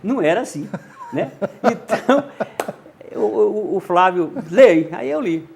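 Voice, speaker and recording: A man's voice: sits high, measured pace, slight background noise. An older man from Minas Gerais, with its regional accent, telling stories from his radio career in a casual interview and acting out the dialogue. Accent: Minas Gerais Brazilian Portuguese. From Montes Claros, Minas Gerais, Brazil. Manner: animated, acts out dialogue in voices. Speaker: journalist and radio narrator, guest.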